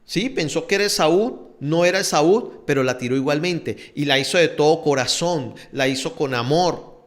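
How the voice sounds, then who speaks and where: A man's voice: a little high, lively intonation, normal speed. A man preaching a sermon in an emphatic, conversational way, repeating key phrases. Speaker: pastor. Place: church.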